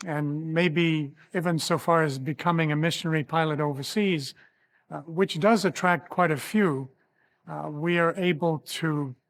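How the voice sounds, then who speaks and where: An older man from Tanzania, a pilot and ministry founder, giving a measured, earnest testimony with occasional fillers. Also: fairly high pitch. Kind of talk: testimony interview.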